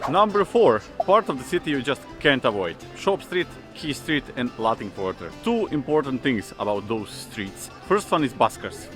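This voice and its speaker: A man's voice: mid-range voice, big pitch swings, normal speed, few pauses, a bit bright. A man hosting a vlog in an informal, wry, self-deprecating way, with music behind him. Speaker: vlog host. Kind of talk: casual vlog presenting. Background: faint background music.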